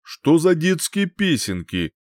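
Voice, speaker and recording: A man voices an older, wise singer-sorcerer who speaks slowly and measuredly and mocks his rivals with quiet scorn. The character's voice sits slightly above the storyteller's own, is very animated and swings widely in pitch. The sound is close and dry with no echo, like a storybook read aloud.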